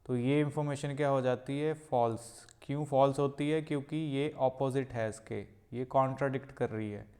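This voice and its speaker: A man teaching a test-prep lesson, explaining step by step in Hindi mixed with English and reading English phrases out slowly. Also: mid-range voice, fairly even intonation, a little mellow. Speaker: IELTS tutor.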